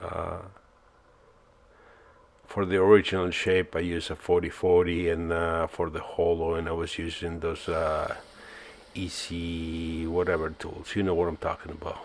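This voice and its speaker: An Argentine man who hosts a woodturning channel provides casual voice-over narration of his turning work. His voice is deep and unhurried, and he comes across as relaxed and self-mocking, using lots of "uh" fillers.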